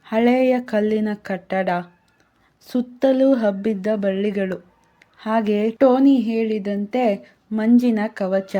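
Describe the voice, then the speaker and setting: A woman storyteller who narrates calmly and steadily. Her voice is warm and mellow, and the recording is dull and lo-fi. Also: mid-range voice, takes it slowly. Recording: dull lo-fi sound.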